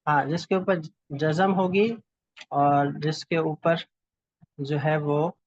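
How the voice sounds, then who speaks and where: A man teaching a lesson at an unhurried, measured pace, stopping often to find his words. His voice sits in a middle register and sounds dry and close, with dull, muffled audio. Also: a little high, fairly even intonation, no room sound. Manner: slow, patient, halting with pauses and fillers. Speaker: calligraphy teacher. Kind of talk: classroom lesson explanation.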